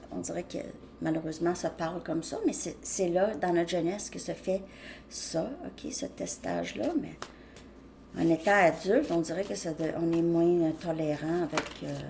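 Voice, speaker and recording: A woman's voice: on the low side, a little mellow, a little hiss or hum. A woman giving a casual tarot reading to her viewers, talking loosely and restarting her sentences often. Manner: loose, rambling speech with frequent restarts. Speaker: tarot reader.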